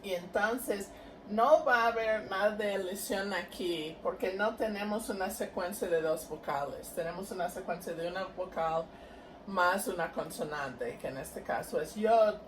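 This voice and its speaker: A woman's voice: medium pitch, measured pace. A woman lecturing on historical linguistics, patiently explaining each step and checking in with her listeners. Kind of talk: academic lecture. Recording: distant mic with faint noise.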